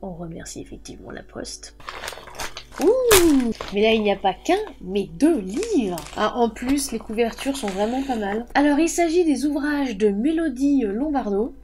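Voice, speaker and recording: A woman's voice: fairly high pitch, very animated, unhurried, darkish tone. A thirty-year-old woman, a book reviewer, chatting enthusiastically while unboxing parcels. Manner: chatty and enthusiastic, often says "justement" and "effectivement". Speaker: book reviewer and channel host. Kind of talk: casual unboxing chat.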